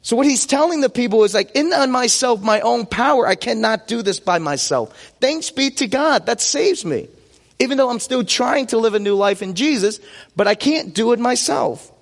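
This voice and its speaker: Here a man in his forties preaches in a conversational way, sharing personal anecdotes and answering his own questions; he's from the U.S. and a native Vietnamese speaker. His voice is very high-pitched and animated, with vocal fry, at a moderate pace. Everything echoes with long hall reverb.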